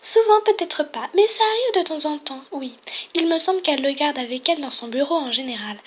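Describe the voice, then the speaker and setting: A woman voicing a sweet, gentle teenage classmate from a game, soft and friendly. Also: high voice, animated, brisk.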